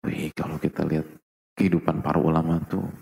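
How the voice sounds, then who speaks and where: A man preaching a sermon to a live audience, asking rhetorical questions and swinging between soft asides and loud emphasis. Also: rumbling low, level tone, a little fast, gravelly. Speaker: Islamic preacher.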